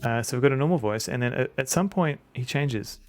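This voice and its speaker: A man's voice: medium pitch, brisk, a little mellow, faint music behind. A man chatting casually on a live stream as he plays a retro adventure game, rambling in an easygoing way.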